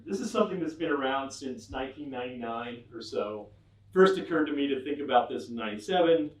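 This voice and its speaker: A middle-aged man giving a humorous technical talk to an audience, acting out mock dialogues with a wry touch. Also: medium pitch. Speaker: conference speaker. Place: event room with an audience. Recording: echoey room, mic at a distance.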